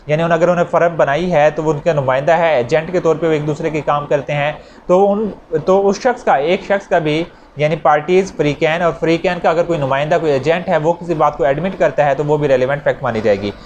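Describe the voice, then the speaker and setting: Teaching law to students, a man with a Pakistani accent explains concepts by repeating, rephrasing and working through examples. His voice is fairly high with a darkish tone, and the dull audio has noticeable background noise.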